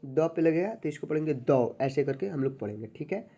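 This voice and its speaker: A teacher giving an online alphabet lesson, patiently sounding out syllables slowly and often checking that viewers follow along. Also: mid-range voice, lively intonation, mellow, lo-fi sound. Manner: addresses viewers as friends. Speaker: Hindi teacher.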